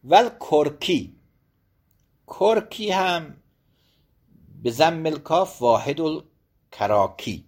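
A man's voice: fairly high pitch, lively intonation, pauses often, a little mellow. A man giving a religious studies lesson. He reads out Arabic legal phrases and explains each one in Persian.

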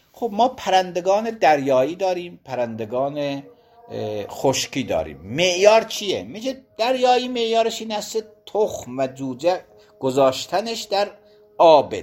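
A man's voice: on the high side, a little mellow. A man giving a religious studies lesson. He reads out Arabic legal phrases and explains each one in Persian.

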